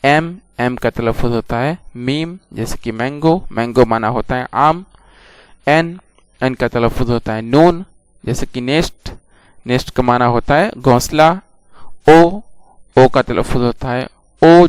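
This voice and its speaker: Slow, clear-voiced male language teacher. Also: medium pitch, dry recording. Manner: patient, repeats each letter and example. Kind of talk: slow, deliberate classroom instruction.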